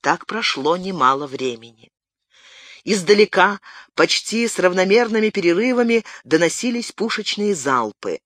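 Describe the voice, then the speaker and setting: A man narrating an audiobook in a measured, expressive reading. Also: high-pitched, no echo. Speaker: audiobook reader. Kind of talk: scripted narration.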